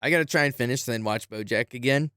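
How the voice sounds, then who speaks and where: Brief: young male gamer, casual rambling chat, middle-pitched, hesitant, swears freely. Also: fast, a bit bright, clear, resonant tone, dry recording, clean studio sound. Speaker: gaming streamer. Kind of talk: casual chat while playing.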